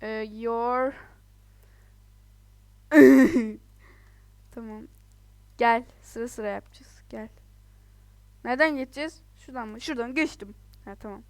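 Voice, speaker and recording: Woman gamer chatting away while she plays, kinda high voice, excitable and quick to get frustrated, dry close sound. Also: no echo. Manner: chatty and excitable, often laughing and exclaiming in frustration. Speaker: let's play gamer. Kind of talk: casual gameplay commentary.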